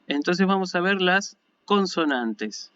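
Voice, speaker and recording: A man's voice: high voice, animated, takes it slowly, a bit bright, smooth. Patient Argentine male lecturer, dull audio. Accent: Argentine Spanish. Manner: patient and explanatory, often checking in with listeners. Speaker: university lecturer in Ancient Greek. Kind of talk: online lecture. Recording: dull lo-fi recording.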